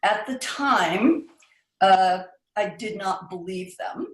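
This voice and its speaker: A woman in her sixties from Brazil, calmly telling her own life story as a guest speaker. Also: mid-range voice, slow. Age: 60s. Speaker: guest speaker in a recorded video. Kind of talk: personal testimony. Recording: roomy echo.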